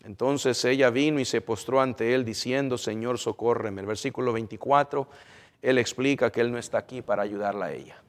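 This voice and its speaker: A man preaching a sermon, swinging between loud emphatic stretches and soft low ones, and asking the congregation questions. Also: fairly even intonation, a little fast, in a large hall.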